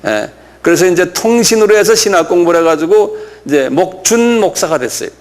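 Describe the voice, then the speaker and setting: Older Korean pastor telling a story. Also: male voice, sits high, sing-song, fairly quick. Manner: conversational, folksy storytelling with frequent "예" affirmations. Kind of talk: sermon lecture with storytelling.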